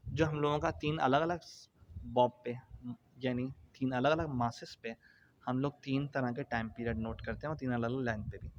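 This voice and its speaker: A man giving a classroom physics lecture, explaining step by step with everyday examples. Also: medium pitch. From Pakistan. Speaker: physics teacher. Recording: dull lo-fi sound with faint noise.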